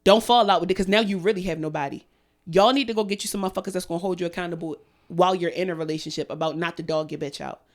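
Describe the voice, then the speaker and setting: A woman's voice: fairly low pitch, rapid-fire. A young woman co-hosting a podcast, ranting in heated, profane casual chat. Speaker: podcast co-host.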